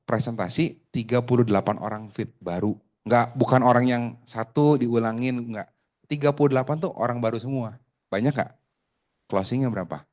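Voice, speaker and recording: Joking insurance sales trainer. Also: male voice, mid-range voice, normal speed, a little mellow. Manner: joking, chatty, asks the room questions. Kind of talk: casual training talk to a group.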